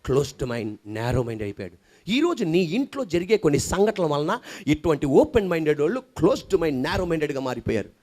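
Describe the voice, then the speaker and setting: Brief: high-pitched male pastor, dramatic storytelling sermon, acts out each quote. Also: big pitch swings, fast talker, a little mellow.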